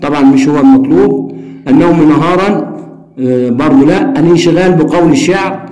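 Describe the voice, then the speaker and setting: A man's voice: on the high side, warm tone. Egyptian male teacher in an echoey room. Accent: Egyptian Arabic. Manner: hesitant, with drawn-out "aah" fillers. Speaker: Arabic teacher. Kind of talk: reading a textbook aloud and explaining exam answers.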